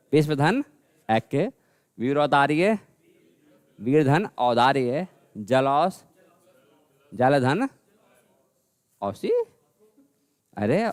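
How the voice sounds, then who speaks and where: A man teaching a grammar lesson, repeating words slowly and calling his students "bhai". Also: on the high side, no room sound. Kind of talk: classroom lesson.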